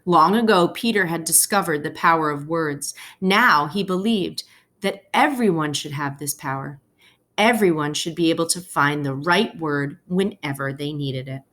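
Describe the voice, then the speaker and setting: With careful phrasing and pauses meant for little ones, a woman teacher reads a picture book aloud like a storyteller. Her voice sits low and carries a fairly bright tone.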